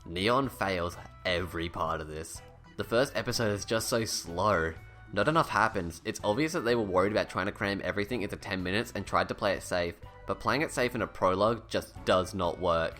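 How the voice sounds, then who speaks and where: A man delivers a scripted video review in a lowish voice. His lisp makes each s slushy, close to sh. He is blunt and sarcastic with casual swearing, over background music. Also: a little fast, fairly bright tone. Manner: blunt, sarcastic, sweary, self-deprecating at times.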